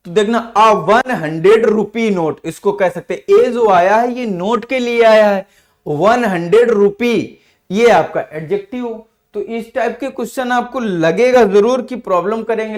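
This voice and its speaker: A male teacher with a notably high voice, patiently explaining grammar rules and addressing his students fondly. The sound is roomy and echoey, as if from a classroom. His pace is steady and instructive.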